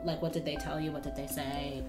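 A woman's voice: low-pitched, level tone, brisk, over loud music. A woman interviewing a guest, asking curious questions full of casual fillers.

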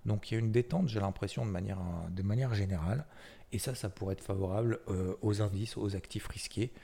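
A man with a fairly low, creaky, mellow and slightly rough voice speaks briskly as host of a weekly market recap. His commentary is loose and chatty, full of fillers, restarts and repeated words.

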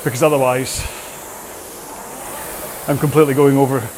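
A man's voice: medium pitch, flat delivery, moderate pace, noisy background. A man coaching a follow-along workout while exercising on a rowing machine, speaking in short phrases broken by effort.

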